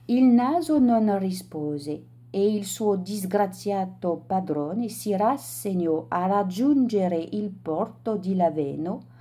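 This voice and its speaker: A woman reading a children's story aloud in a slow, deliberate storytelling manner. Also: mid-range voice, lively intonation, dark tone.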